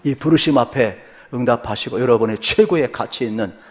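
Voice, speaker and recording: A male pastor delivers a sermon in a church sanctuary, his voice carried by a long hall reverb. He shifts from loud, rising appeals to a quiet storytelling tone and keeps calling out to the congregation with questions. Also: medium pitch, a little fast. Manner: swings from loud rising exhortation to soft storytelling; addresses the congregation often, asks rhetorical questions.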